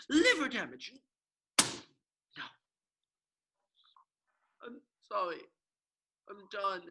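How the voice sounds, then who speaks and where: A man's voice: high voice, heavily acted. A man playing a tired young actor who keeps stumbling through his audition lines in an online amateur comedy sketch. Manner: stumbling, exasperated, lively delivery. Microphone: video call.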